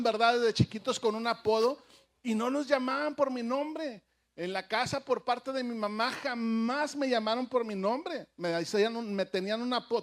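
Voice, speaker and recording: A male pastor giving a conversational sermon, telling funny anecdotes and asking the congregation questions. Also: extremely high pitch. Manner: conversational, humorous anecdotes with audience asides.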